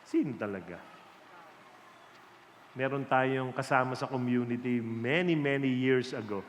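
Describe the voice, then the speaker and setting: A man preaching a sermon to a large gathering, telling stories in an animated, joking way. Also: a little high, slight background noise. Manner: animated storytelling with jokes. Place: large hall with an audience. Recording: echoey hall reverb.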